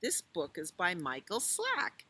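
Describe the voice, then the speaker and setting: An older American woman, a children's librarian, reads a picture book aloud to young children outdoors in a leafy garden, adding chatty asides. She is an unhurried storyteller with a bright yet lowish, husky voice and huge swings in pitch. Her manner is simple and explanatory, and she asks the young listeners questions.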